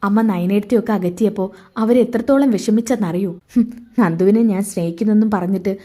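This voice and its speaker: A woman's voice: medium pitch, brisk, mellow, natural voice. A woman voicing a young man who is bitter and insistent with his mother. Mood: reproachful. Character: young man, angry, protective son.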